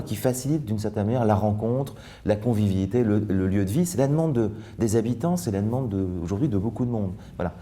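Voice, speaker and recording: Low, very dark-voiced man. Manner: hesitant, many restarts, explanatory. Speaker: debate guest. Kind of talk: panel discussion.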